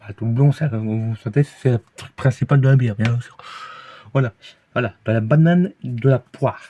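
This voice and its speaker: A man's voice: medium pitch, moderate pace, mellow, dull audio, a little hiss or hum. A man with a Belgian French accent reviewing beers in a casual, rambling way, full of fillers, false starts and hesitations, recorded in a room at home.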